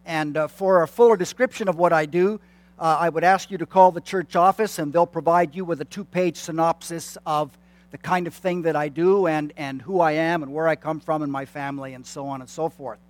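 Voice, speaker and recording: A church consultant in his late fifties gives announcements to a congregation in a church sanctuary, friendly and self-deprecating, with plenty of fillers and restarted sentences. His voice is high for a man and his intonation fairly even. The sound is dry and close, with little room echo.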